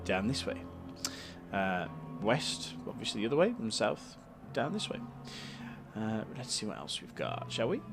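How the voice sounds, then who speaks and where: A man's voice: lowish voice, sing-song, moderate pace, gravelly, pauses often, over music. A British man hosting a let's play, casually explaining a game's menus and items with frequent ums and uhs. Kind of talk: casual game commentary.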